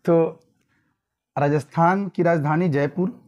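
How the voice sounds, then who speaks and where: A man's voice: fairly high pitch, fairly even intonation, slow pace, darkish tone, lo-fi sound. A young man from Uttar Pradesh teaching an exam-prep lesson, repeating points and quizzing listeners with tag questions. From Uttar Pradesh, India.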